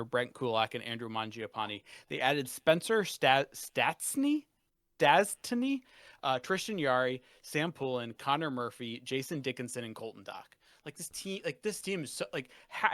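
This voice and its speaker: A man's voice: medium pitch, a bit bright, dry recording. A young man co-hosting a casual sports podcast, ranting and swearing with fired-up energy. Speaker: podcast co-host.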